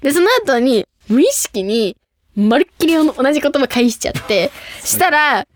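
A woman's voice: high-pitched, normal speed, dry recording, studio quality. A young woman from Saitama hosting a radio show, chatting in a bubbly, giggly way and reading out listener mail. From Saitama, Japan. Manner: bubbly, giggly, animated storytelling. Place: radio studio. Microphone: studio microphone.

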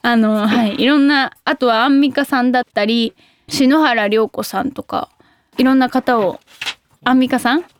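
Bubbly young woman radio host, high voice, dry close sound, gets excited fast. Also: no echo. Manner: bubbly, excitable, quick exclamations. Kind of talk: casual radio talk reading listener mail.

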